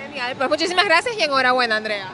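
A woman reporter asking brisk, friendly questions into a handheld mic at a fitness trade fair. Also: sits high, sing-song. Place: large exhibition hall at a fitness fair. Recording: loud music and crowd noise in hall.

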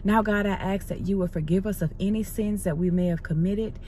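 A woman's voice: medium pitch, steady tone, a little fast, warm tone, slight background noise. A middle-aged woman, chatting casually to viewers from her car and leading a spoken prayer with an encouraging, repetitive cadence. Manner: upbeat, encouraging, repeats phrases in prayer cadence. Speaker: vlogger. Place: parked car interior. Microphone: phone camera on the dashboard.

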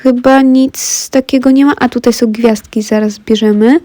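This let's play gamer's slightly high, mellow voice holds a steady tone at normal speed, with no echo. She has a cold and a stuffy throat, yet chats casually and directly to viewers about her game.

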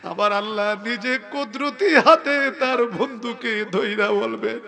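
A man delivers a waz sermon in a very high, bright, cutting voice. He draws his words out slowly in a tearful, wailing chant that climbs into cries. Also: creaky. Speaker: Islamic preacher.

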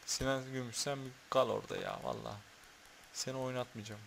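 A man talking through his own football video game at an ordinary middle pitch. He mutters while picking his team, then berates his players and the referee and curses when things go wrong. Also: steady tone, a little fast, vocal fry, a bit bright, a little hiss or hum. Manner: talks to the players on screen, swears, gets heated over fouls. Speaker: gaming YouTuber.

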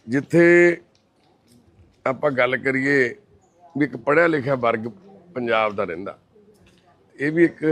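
Gravelly-voiced man, soothing. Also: medium pitch. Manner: soothing, repeats pleas to calm down. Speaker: social worker visiting a woman. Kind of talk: on-location video report. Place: outdoors at a house gate in a residential street.

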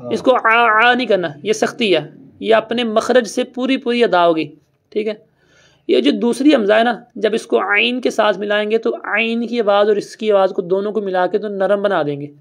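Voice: mid-range voice, creaky. A recitation teacher giving a classroom lesson who explains step by step in a plain, conversational way and keeps quizzing students to repeat answers back. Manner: patient, quizzes students and has them repeat. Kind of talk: classroom lesson with call-and-response.

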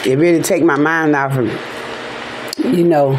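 A man chatting casually on a mukbang vlog, chewing while talking and speaking between bites in a relaxed way. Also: fairly high pitch, unhurried. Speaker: mukbang vlogger. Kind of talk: casual chat while eating. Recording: noisy home recording.

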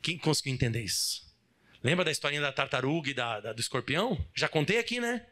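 A man preaching a sermon as pastor, animated, firing rhetorical questions at the congregation and shouting for emphasis. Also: fairly high pitch, fast talker. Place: church service hall.

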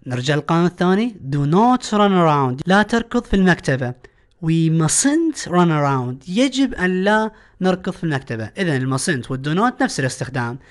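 A man with an Iraqi Arabic accent, teaching a recorded English lesson. He reads English lines slowly and carefully, then translates them. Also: on the high side.

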